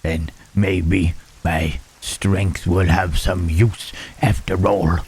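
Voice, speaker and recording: A man playing Frankenstein's monster in an ASMR roleplay, a gentle, melancholy reanimated creature who speaks in a hushed, halting, formal way. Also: low voice, fairly even intonation, slightly rough, exaggerated voice. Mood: hesitant, thoughtful.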